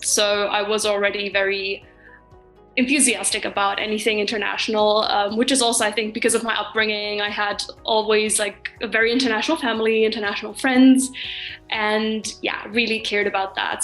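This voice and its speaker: A woman's voice: a little high, a bit bright, rough recording. A woman in her twenties, a master's student, talking casually about her studies with frequent ums and likes. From Finland and Germany. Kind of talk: casual interview talk.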